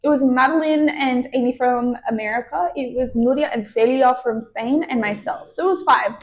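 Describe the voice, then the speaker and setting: A young woman co-hosting a casual chat podcast, telling travel stories with animated, freely swearing energy. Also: high-pitched, normal speed. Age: young adult. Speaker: podcast co-host.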